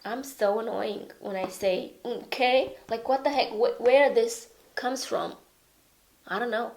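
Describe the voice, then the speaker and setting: In this casual product review, a beauty vlogger with a cold talks through makeup, her high-leaning voice unhurried, gravelly, stuffy and raspy. She rambles chattily, is self-deprecating, and keeps saying "okay?" amid heavy background noise.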